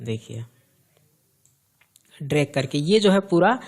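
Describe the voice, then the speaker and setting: A man's voice: a little high, sing-song, slow pace. A man explaining spreadsheet formulas step by step in a screen-recorded computer lesson, asking questions and answering them himself. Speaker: computer teacher. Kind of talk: screen-recorded software tutorial.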